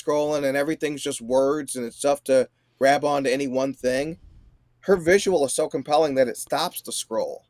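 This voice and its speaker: A man in his forties, a guest, talking in an animated, emphatic way. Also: fairly high pitch, no room sound. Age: 40s. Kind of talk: casual chat.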